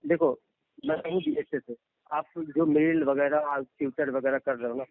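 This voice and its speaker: A man's voice: a little high, moderate pace, no room sound. A bank loan officer on a phone call, insistently talking over the other man and telling him to listen. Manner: insistent, repeats 'listen to me'. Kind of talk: heated phone argument. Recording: dry, tinny phone line recording.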